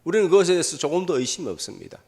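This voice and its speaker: A man's voice: on the high side, sing-song, very fast, vocal fry, darkish tone. A man preaching a Sunday sermon as pastor, posing rhetorical questions and answering them himself. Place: church sanctuary. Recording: long hall reverb from a church.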